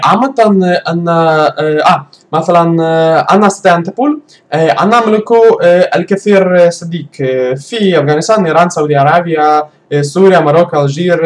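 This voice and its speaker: This vlogger is a man learning Arabic, not his native tongue, and his voice runs a little high and fast. His casual talk is halting, full of fillers and restarts while he gropes for the right words.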